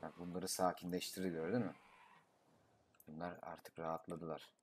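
A young man giving casual gameplay commentary, talking to himself, swearing and breaking into excited outbursts. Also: low voice, normal speed, slight background noise. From Turkey. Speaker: gaming YouTuber.

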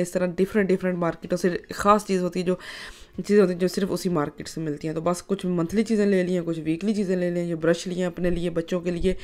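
A woman's voice: on the low side, darkish tone. A woman, narrating her home vlog in a chatty way, full of filler phrases. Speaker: vlogger.

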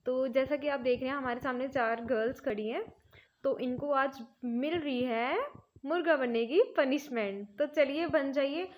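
A woman's voice: high-pitched, normal speed. A young woman, a tuition teacher giving playful, bossy instructions to her students in a casual vlog. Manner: bossy, playful, mixing Hindi and English.

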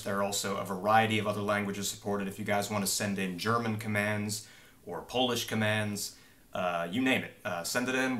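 A man's fairly low, fairly bright voice guides viewers through a game demo. He's a young developer in his twenties at his desk in a small home office with a monitor. He keeps it casual and explanatory, sprinkling in many filler words.

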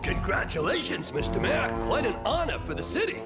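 An actor voicing an earnest, dutiful dog police officer with an emphatic manner in an animated cartoon. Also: medium pitch, a little fast, over loud music, natural voice. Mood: deferential.

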